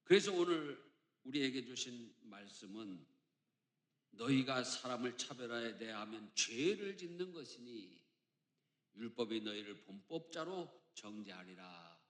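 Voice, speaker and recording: A man in his fifties from Chungcheong, Korea, preaching a sermon as senior pastor, jumping between loud emphatic lines and quiet asides, with folksy jokes. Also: mid-range voice, animated, a little slow. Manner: emphatic preacher with big swings between loud and soft, joking. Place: church sanctuary. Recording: echoey church hall.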